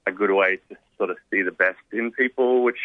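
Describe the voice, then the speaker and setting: A man's voice: low voice, fairly quick, dry recording. A man being interviewed as a guest cartoonist, talking in a laid-back, rambling way full of "like" and "um". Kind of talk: casual interview. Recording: tinny phone line.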